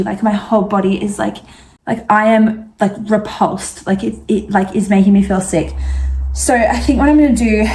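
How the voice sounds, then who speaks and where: A woman's voice: mid-range voice, a little mellow, a little hiss or hum. A young Australian woman chatting casually in a knitting vlog, full of fillers and asides. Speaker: knitting vlogger.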